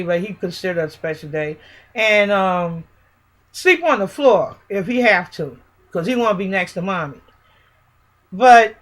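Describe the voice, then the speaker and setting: A woman's voice: fairly high pitch, a bit bright. A middle-aged woman, a mother, recounting a police raid in an emphatic, rambling, colloquial way. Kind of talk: personal spoken account.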